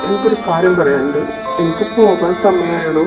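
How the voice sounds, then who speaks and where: A man's voice: a little high, fairly quick, natural voice. A man voicing a young male vampire who says a grave, tender farewell to his lover. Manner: soft, grave farewell speech. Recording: echoey room with long reverb, from far off, music behind.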